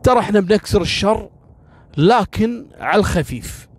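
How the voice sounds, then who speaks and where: A man's voice: high voice, lively intonation, normal speed, breathy edge, pitched above the performer's own voice. A man voicing stern male cousins who issue a blunt, threatening ultimatum. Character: stern male clan cousins demanding revenge.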